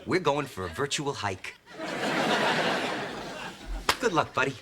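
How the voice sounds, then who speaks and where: A man's voice: medium pitch, very animated, takes it slowly, over a noisy crowd, heavy background noise. An actor playing a chatty, reassuring divorced father in a sitcom. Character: chatty, breezy divorced dad stranger. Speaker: sitcom character. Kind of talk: sitcom acting.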